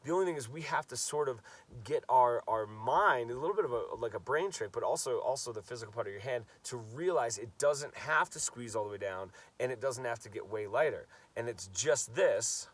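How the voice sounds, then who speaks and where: A man's voice: mid-range voice, lively intonation, fairly quick, slightly rough, far from the mic. A man with a stuffy nose from a cold, teaching a casual guitar lesson, talking loosely and repeating words as he demonstrates. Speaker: guitar coach.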